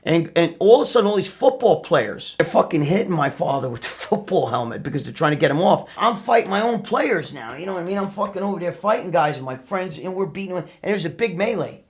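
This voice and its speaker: A middle-aged New Yorker with a high voice talks fast and barely pauses as he casually tells personal stories. He's brash and profane, animatedly acting out what people said.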